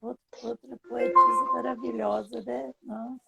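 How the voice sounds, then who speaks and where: A woman from Brazil with a Minas Gerais accent, chatting on a live video call, enthusiastic and quick to agree. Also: a little high, level tone, gravelly, over loud music. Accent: Minas Gerais Brazilian Portuguese. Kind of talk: casual live chat.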